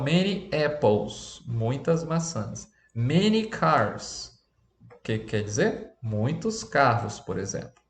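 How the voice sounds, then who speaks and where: A man's voice: fairly high pitch, reverberant, slight background noise. A man teaching an English lesson with a Brazilian Portuguese accent, chatty and often checking in with his students.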